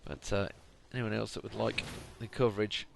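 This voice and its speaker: Late at night, a tired esports commentator gives chatty, rambling solo play-by-play on a video game, often correcting himself. His voice is lowish with vocal fry at a moderate pace, and steady noise runs under it.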